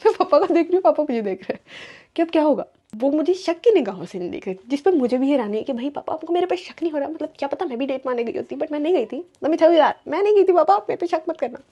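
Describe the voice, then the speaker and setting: Young Pakistani woman telling a storytime, high-pitched and quick, mellow tone, chatty and dramatic. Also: animated, highs cut off. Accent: Pakistani Urdu. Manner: chatty and dramatic, mixing in English phrases. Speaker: vlogger. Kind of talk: casual storytime.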